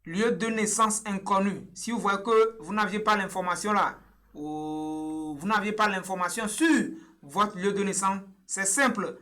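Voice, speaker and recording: A young man from Togo with a bright, high-pitched voice guides viewers through filling in a form on screen. He explains each step patiently and repeats himself, pausing often with small hesitations. He is recorded on a webcam in a small indoor room. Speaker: online tutorial presenter. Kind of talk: screen-share tutorial walkthrough.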